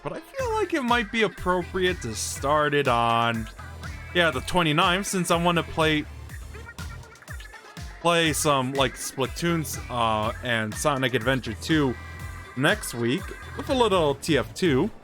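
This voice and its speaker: Man, streamer, casual gaming chat, lively pitch, faint game music. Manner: chatty, restarts words while playing.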